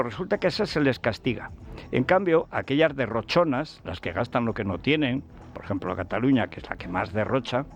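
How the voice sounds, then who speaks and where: A man hosting a radio show, delivering a scornful, combative political commentary with a sarcastic edge. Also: lowish voice. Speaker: radio host. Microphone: radio studio mic.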